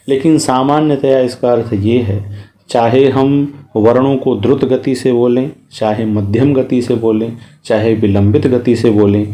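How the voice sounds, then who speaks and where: A man giving a methodical grammar lecture, explaining each rule step by step and reciting the rules slowly. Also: mid-range voice, dark tone. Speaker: Sanskrit grammar teacher.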